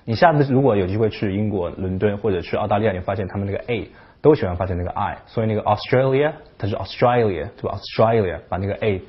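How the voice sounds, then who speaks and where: A man hosting a casual video lesson on English, talking in an animated way and breaking off to imitate accents. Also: on the low side, rapid-fire, breathy edge, highs cut off. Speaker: English teacher, channel host.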